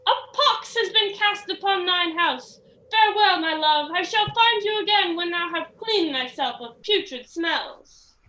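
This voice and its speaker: A woman's voice: very high voice, expressive, unhurried, pushed and bright, exaggerated voice. A young woman acting a pompous, melodramatic Romeo in a live stage comedy, declaiming in mock-Shakespearean English. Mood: outraged. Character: pompous, melodramatic male Romeo, lovesick and easily offended. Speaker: student actor in a stage play. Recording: echoey stage recording.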